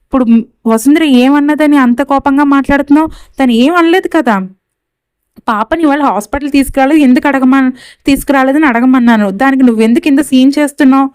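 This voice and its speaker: A woman voicing an older aunt who scolds slowly and loudly. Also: high-pitched, no room sound, natural voice. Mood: scolding.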